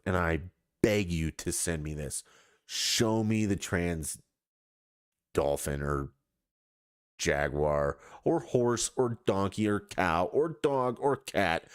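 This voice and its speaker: A man's voice: low-pitched, lively intonation, takes it slowly, smooth, no room sound, studio quality. A man hosting a podcast, talking in a blunt, profane, scoffing monologue with mocking quoted asides. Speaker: podcast host. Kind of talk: casual opinion monologue.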